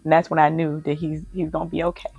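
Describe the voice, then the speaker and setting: A woman's voice: sits low, level tone, fast, vocal fry, a little mellow, breathy edge, no echo, soft background music. A woman, a mother chattily telling family stories, often repeating herself. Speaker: mother guest. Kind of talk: casual family storytelling.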